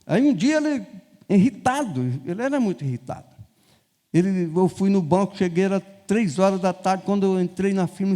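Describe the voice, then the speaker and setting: An older man with a Brazilian Portuguese accent, a bishop telling stories in a sermon and acting out the dialogue in voices. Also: high voice. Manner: animated, acts out dialogue in quoted voices. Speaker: bishop preaching. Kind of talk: storytelling sermon. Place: church sanctuary. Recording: long reverb in a church hall.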